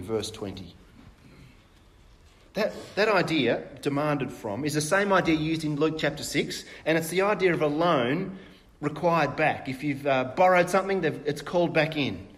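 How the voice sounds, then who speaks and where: A man preaching a sermon in a conversational way, asking rhetorical questions and pausing with fillers and restarts. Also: on the high side, a bit bright.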